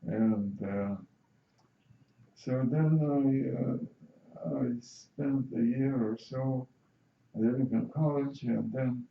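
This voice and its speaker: Gravelly older man with Russian accent. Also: mid-range voice. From Azerbaijan. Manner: slow, halting, with many fillers. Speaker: interviewee. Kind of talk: reflective interview answers. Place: university building. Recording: echoey room, muffled sound, faint hiss.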